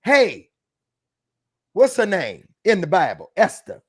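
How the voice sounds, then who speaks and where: High-voiced preaching man, animated. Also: slow. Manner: animated, preachy, breaks into shouts. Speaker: bishop. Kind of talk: preaching relationship talk.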